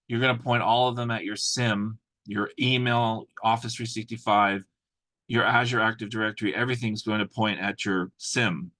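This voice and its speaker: Low-voiced man giving corporate compliance training. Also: fairly even intonation, moderate pace, sharp tone, dry recording. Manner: explanatory, instructing in the second person with practical examples. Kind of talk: informal corporate training video explanation.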